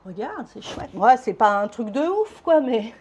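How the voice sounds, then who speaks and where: A woman's voice: on the high side, sing-song, measured pace, darkish tone, slight background noise. A woman with a French accent chatting casually to camera as a vlogger, rambling and swearing lightly, a little out of breath.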